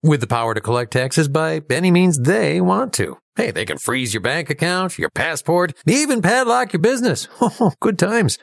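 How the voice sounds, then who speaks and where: A man's voice: a little high, big pitch swings, moderate pace, gravelly, hardly any pauses, dry recording, studio quality. A man doing a conversational direct-response radio ad read in a wry, folksy manner. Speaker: radio ad pitchman.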